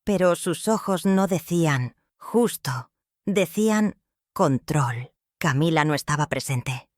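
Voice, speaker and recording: A woman narrating a scripted family drama in a measured, dramatic way. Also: lowish voice, animated, no room sound, clean studio sound.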